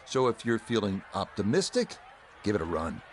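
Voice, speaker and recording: A man giving golf commentary in a measured play-by-play manner with wry understatement. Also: fairly low pitch, very animated, background noise. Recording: music and crowd behind voice.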